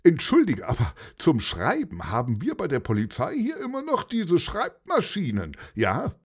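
A man's voice: a little high, huge pitch swings, normal speed, slightly rough, voice pushed up, full character voice. A man voicing a stern, old-fashioned village policeman in a storybook reading, hesitant and bureaucratic. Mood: brusque.

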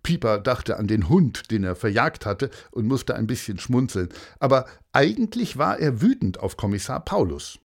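A man reading a children's story aloud in an expressive storytelling manner. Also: mid-range voice, normal speed, gravelly, hardly any pauses. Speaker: narrator.

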